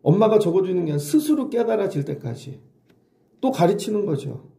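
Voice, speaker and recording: A man's voice: sits high, big pitch swings, a little fast, gravelly, mellow, reverberant. A middle-aged male pastor giving an early-morning sermon in a conversational way, often asking the congregation questions. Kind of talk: dawn sermon.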